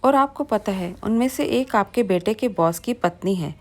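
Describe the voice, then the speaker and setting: A selfish young wife who gives curt orders without pity, read by a woman. The storybook delivery stays at a middling pitch, brisk and commanding. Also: expressive, lightly acted. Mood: bossy. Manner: bossy, curt. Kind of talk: storybook reading.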